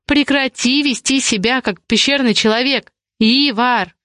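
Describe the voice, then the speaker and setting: A woman reading the lines of a defiant young woman, an indignant ward who argues with rapid questions. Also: a little high, fairly bright tone, dry recording, clean studio sound, pitched above the performer's own voice. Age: young adult.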